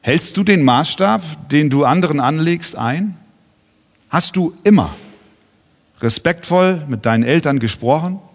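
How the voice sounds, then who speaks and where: German pastor preaching in a reverberant church. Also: male voice, a little high. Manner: earnest, with many pointed rhetorical questions. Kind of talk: sermon.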